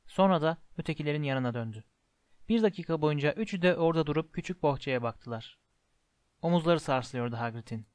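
A man narrating a storybook in a measured way, slowing down for the descriptive passages. His voice sits a bit high for a man. The recording is dry and close. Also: expressive, no echo. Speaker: audiobook narrator.

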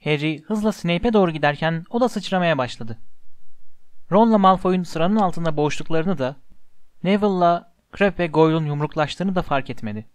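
A man reads an audiobook aloud in a somewhat high voice, telling the story in an expressive, measured way. The sound is close and dry, with no room to it. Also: smooth, dry recording. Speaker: narrator. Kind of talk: audiobook narration.

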